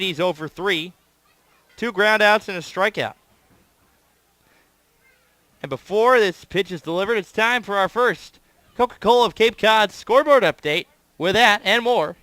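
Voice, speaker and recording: A man's voice: sits high, bright, forceful tone, dry recording. A man doing live baseball play-by-play commentary as the announcer, in clipped phrases, stretching words on big plays.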